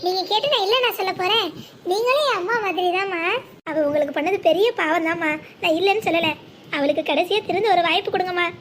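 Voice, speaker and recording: An earnest young woman in a cartoon, played by a woman, pleading softly and sincerely. Her voice is very high, and background noise sits under the recording. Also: fast. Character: young woman pleading gently with an older mother figure. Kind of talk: Tamil cartoon dubbing.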